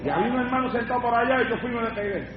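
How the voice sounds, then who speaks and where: A man's voice: very high-pitched, rapid-fire, crowd noise. A man, a pastor preaching fervently and acting out his own testimony. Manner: fervent, acts out his own dialogue in the story. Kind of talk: Pentecostal sermon with testimony. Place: church service. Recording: echoey church with lo-fi sound and congregation.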